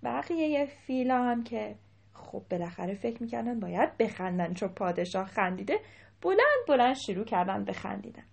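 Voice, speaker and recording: A woman telling a children's story in a lively voice, dropping into whispers at times. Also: a little high, gravelly, husky. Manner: animated, dips into whispers.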